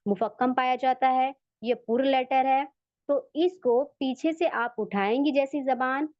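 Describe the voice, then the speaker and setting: A high-voiced woman with an Urdu accent teaches recitation at an unhurried pace, patiently repeating each sound so students can copy it. The recording is dry and a little dull. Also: dry recording. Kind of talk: slow step-by-step lesson.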